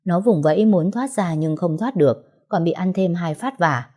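A woman narrates an audiobook in the first person, in speech. Her voice is low-set and mellow, and her delivery stays steady and even. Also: moderate pace.

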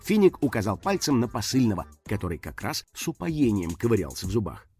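A man narrating a children's story in a lively, expressive way. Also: on the low side, brisk, slightly rough.

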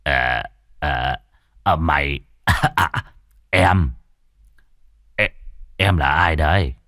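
A man voicing a greedy, lecherous old male moneylender who curses and mutters gruffly. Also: deep voice, lively intonation, slow, bright, forceful tone, no echo, clean studio sound, heavily acted. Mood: leering.

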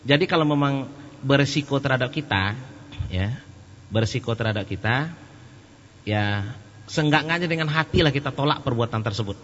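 A man's voice: mid-range voice, animated, normal speed, pauses often, fairly bright tone. A middle-aged man preaching a sermon and answering audience questions in a chatty, joking storytelling manner. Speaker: Islamic preacher. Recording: echoey hall, dull and slightly noisy.

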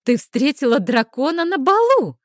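A woman voicing a pushy, excitable young female friend who talks loudly and insistently in an audiobook. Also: fairly high pitch, moderate pace, dry recording, clean studio sound, voice pushed up. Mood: curious, eager. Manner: loud, insistent, demanding. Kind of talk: audiobook character voice.

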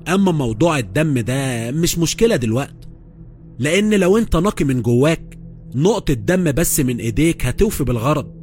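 The voice reads as a woman's, bass and darkish in tone, though it is a man voicing a worried young woman who is an expert in magic. He speaks with an Egyptian Arabic accent.

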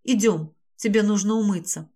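A commanding young woman who takes charge and looks after her friend, as a woman reader puts her on. Her voice is firm and steady at a middle pitch. She speaks with calm authority in an audiobook. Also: normal speed, close to an everyday voice. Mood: soothing. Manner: firm, scolding then soothing. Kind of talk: audiobook character voice.

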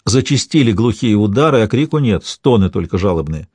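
A man reading a historical tale aloud in measured, storytelling narration. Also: fairly low pitch, lively intonation, darkish tone, slightly rough, no room sound.

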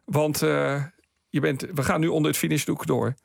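A man's voice: fairly high pitch, normal speed, creaky, husky, no echo, clean studio sound. A man on a radio show, telling his own story with chuckles and acting out the voices of the people in it. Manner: lively, chuckling storyteller who acts out quoted voices. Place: radio studio.

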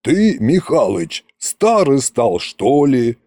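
A man's voice: medium pitch, big pitch swings, slow, dark tone, no room sound, studio quality. A man voicing a boastful, pompous immortal sorcerer king in an audiobook, grand and mocking. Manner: grand, self-satisfied, mocking. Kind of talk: audiobook character reading.

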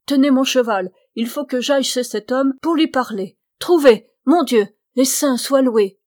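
A woman's voice: high voice, measured pace. A woman voicing an urgent, pleading young man searching for his sister in a storybook reading.

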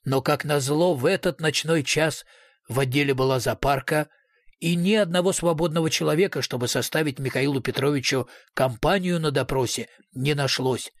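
A male narrator reading an audiobook in an even, scripted way. His voice sits a little high, and the recording is close and dry with no room sound. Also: no room sound.

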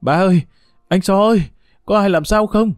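A man reading an audiobook voices a frightened teenage village girl crying out into the dark. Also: high voice, moderate pace, no echo, clean studio sound, soft background music, pitched above the performer's own voice, natural voice. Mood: panicked.

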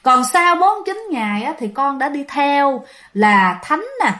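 A woman voicing a dead young child who speaks gently and reassuringly to its mother. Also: sits high, expressive, normal speed.

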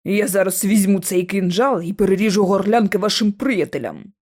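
A woman's voice: mid-range voice, animated, moderate pace, a little mellow, natural voice. A cold, commanding man of learning who snaps out his orders with no patience at all, as a woman narrator voices him. His tone stays clipped and eager. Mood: impatient. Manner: impatient, commanding. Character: scheming eccentric male scholar, cold and impatient.

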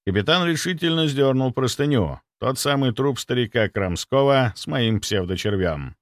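Lively male audiobook narrator, dry sound. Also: mid-range voice, moderate pace, no room sound. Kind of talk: first-person audiobook narration.

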